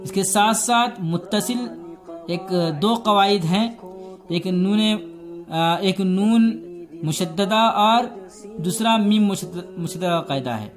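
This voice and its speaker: A man's voice: sits high, music in the background. A man teaching a tajweed lesson step by step, patiently repeating each point and spelling out letters. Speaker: Quran recitation teacher.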